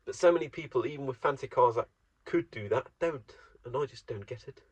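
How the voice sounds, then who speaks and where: A man's voice: medium pitch, a little fast, slightly rough, no echo. A man from Germany talking to himself in a rambling, wry, self-mocking solo monologue. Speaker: solo vlogger. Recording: dull, dry close recording.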